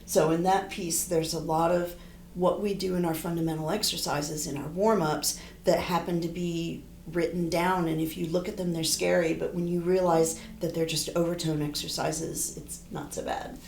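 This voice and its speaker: In a relaxed interview, a middle-aged horn player and composer with a low, gravelly voice thinks aloud at normal speed, wandering and restarting often in a thoughtful, rambling way. The room echoes, and a faint hum sits behind her.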